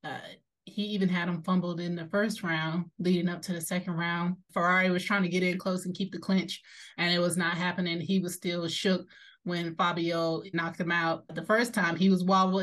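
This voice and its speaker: A woman's voice: lowish voice, flat delivery, moderate pace, fairly bright tone. A woman co-hosting a sports podcast, recapping a fight in an upbeat, earnest way. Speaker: podcast co-host.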